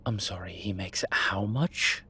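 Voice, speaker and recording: A man with a low, sharp-toned, unhurried voice plays Beau, an easygoing chef reassuring his werewolf partner in a naturalistic audio roleplay. His conversational delivery is hesitant and wry, and he sounds surprised and curious. Ambient sound effects and slight background noise are present.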